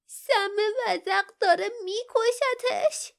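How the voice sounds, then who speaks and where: A woman voicing a small frightened girl in an audiobook, crying out shrilly. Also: vocal fry. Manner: shrill, sobbing cries.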